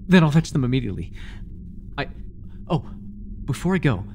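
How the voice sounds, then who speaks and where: In an audio roleplay, a man plays a devoted, fawning high priest of a dark god, stammering with reverent, overeager, breathy delivery. His voice sounds natural, and the background is noisy.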